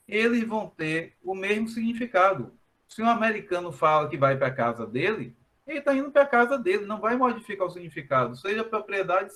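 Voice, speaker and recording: A man's voice: high-pitched, fairly bright tone. A man, a math teacher giving a recorded lesson, explaining step by step and often checking in with a rhetorical "né?". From Brazil. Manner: explanatory, repeats points with a rhetorical "né?".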